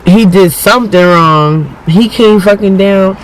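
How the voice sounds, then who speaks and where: A man casually telling personal stories in animated, profane, slangy talk, acting out what people said. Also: sits high, a little slow, a little hiss or hum, rough recording. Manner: animated, profane, slangy, acts out quoted speech. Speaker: storyteller.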